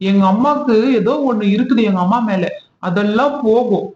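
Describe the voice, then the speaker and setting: A man's voice: high-pitched, fairly quick, a little mellow, slight background noise, natural voice. An affectionate, coaxing husband who dotes on his wife yet keeps pressing his point, played by a man. The recording is dull and muffled, with a hollow room echo. A homemade domestic skit. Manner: fond, coaxing, calls her pet names. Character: doting husband, affectionate, pushy about family.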